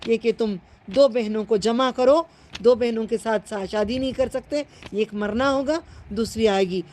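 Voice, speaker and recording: A woman's voice: on the high side, a little mellow, slight background noise. A woman giving a Quran commentary lesson as its teacher, impassioned and exhorting, repeating phrases for emphasis.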